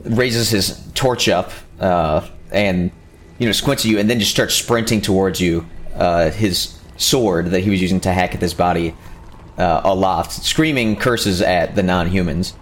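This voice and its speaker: A man's voice: low voice, measured pace, a little hiss or hum. A man running a tabletop game as game master, narrating with many hesitations and fillers.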